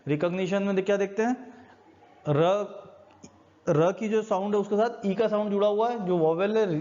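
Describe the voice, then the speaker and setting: A man's voice: high-pitched, mellow. A man with an Indian accent teaching a recorded school lecture, explaining patiently step by step and mixing Hindi with English. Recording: dull lo-fi recording.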